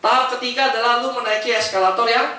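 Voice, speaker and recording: A man giving an energetic motivational talk, often asking the audience "right, friends?" in casual slang. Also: very high voice, fast. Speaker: motivational speaker. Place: large echoey event hall. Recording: echoey hall, far-off mic.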